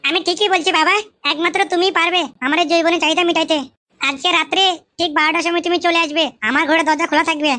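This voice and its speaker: A woman's voice: very high-pitched, steady tone, quick pace, pushed and bright, no echo. Woman doing a coaxing, flirty mother-in-law. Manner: coaxing, sweet-talking. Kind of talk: comic cartoon voice acting.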